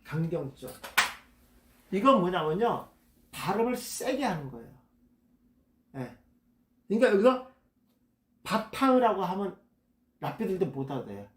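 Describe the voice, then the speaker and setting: A man's voice: sits high, very animated, moderate pace, long pauses, a bit bright, echoey room. A man leading a Bible study lecture, reading passages aloud and explaining words, often repeating key terms. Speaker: Bible teacher.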